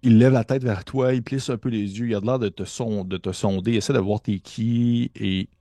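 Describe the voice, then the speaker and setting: A man's voice: lowish voice, steady tone, moderate pace, warm tone, dry recording, clean studio sound. A man with a Québécois accent narrating a tabletop horror game as game master, hesitant with many fillers and restarts.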